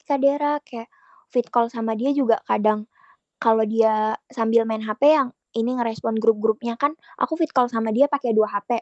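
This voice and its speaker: Young woman, chatty storyteller, quotes dialogue, a bit high, dry lo-fi sound. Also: a little mellow, dry recording. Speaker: guest sharing a relationship story. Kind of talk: casual podcast storytelling.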